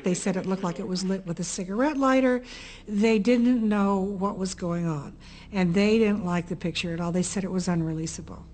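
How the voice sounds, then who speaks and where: A woman's voice: medium pitch, normal speed, a little mellow, rough recording. Brief: woman interviewee, mid-range voice, candid and conversational. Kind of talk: documentary interview.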